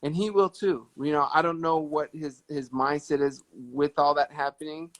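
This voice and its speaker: A man in his thirties hosting a casual livestream chat with a fan, warm and often repeating words as he thinks. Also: fairly high pitch, steady tone, normal speed, low-quality recording. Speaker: livestream host. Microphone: phone on a live video stream.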